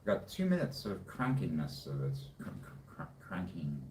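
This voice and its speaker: A man's voice: sits low, wildly swooping pitch, normal speed, a little mellow. A man, chatting casually in a laid-back, rambling way. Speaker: co-host and hobby music producer. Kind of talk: casual chat. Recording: roomy, distant, faint background noise.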